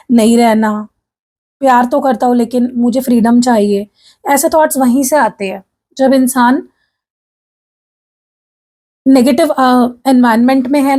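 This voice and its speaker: A woman reads tarot in a casual chat with her viewers, keeping her voice high but soft and mellow. She slips English phrases into her talk and keeps checking in with her listeners. Her throat is sore as she speaks. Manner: chatty, addresses viewers as "guys", frequent "theek hai?"; mixes English phrases into Hindi speech. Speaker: tarot reader.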